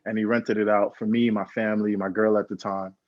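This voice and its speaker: Earnest young man with a flat, low voice. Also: fairly quick, no echo. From United States. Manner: earnest, reflective, repeats phrases, says "bro" and "man". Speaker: guest, pro football player. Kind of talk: casual interview storytelling. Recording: dull, lo-fi dry sound.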